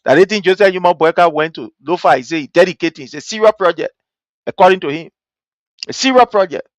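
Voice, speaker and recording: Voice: medium pitch, lively intonation, fast talker, dry recording. A political commentary host from Liberia with a Liberian accent, speaking indignantly and mockingly to an audience with rhetorical questions and emphatic repetition.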